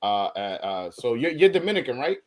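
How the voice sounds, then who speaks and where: A man's voice: mid-range voice, sing-song, a little fast. A man hosting a casual boxing interview livestream, talking loosely with frequent repeats and restarts.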